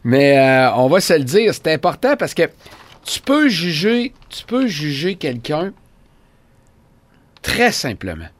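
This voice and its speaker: A woman's voice: low-pitched, sing-song, slow pace, long pauses, dry recording. A woman in her fifties with a Québécois French accent, hosting a casual chat in a playful, teasing way and laughing often. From Quebec. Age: 50s. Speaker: host.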